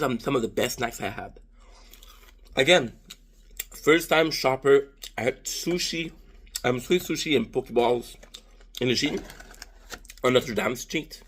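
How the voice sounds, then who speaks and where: In a food-tasting vlog, a man in his thirties from Canada speaks with a French Canadian accent and a medium-pitched, slightly breathy voice. He rambles casually, swearing and making self-deprecating jokes.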